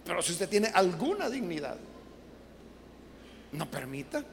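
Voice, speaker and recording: A woman's voice: fairly low pitch, very animated, unhurried, creaky. Emphatic woman preaching in a hall. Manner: emphatic, rhetorical questions, acts out quoted voices. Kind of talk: sermon. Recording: long hall reverb, faint background noise.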